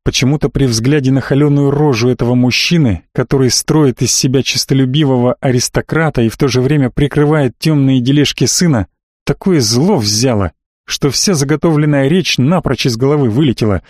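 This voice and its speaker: A man reading a first-person story aloud as an audiobook narrator, steady and expressive. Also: mid-range voice, brisk, dry recording, studio quality.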